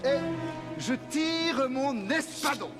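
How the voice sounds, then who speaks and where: Flamboyant high-voiced swordsman-poet, Cyrano de Bergerac. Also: lively intonation, slow pace, exaggerated voice. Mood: triumphant, taunting. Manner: declamatory, flamboyant, savoring each word. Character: proud, witty, swaggering swordsman-poet, gleefully taunting his rival. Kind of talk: theatrical French verse drama acting. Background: music.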